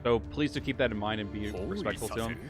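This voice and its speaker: Hoarse man rambling on a game stream. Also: on the low side, fast. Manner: rambling, talks to chat while playing. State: hoarse, losing his voice. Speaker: livestreamer. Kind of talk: casual live-stream chat. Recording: game music behind the voice.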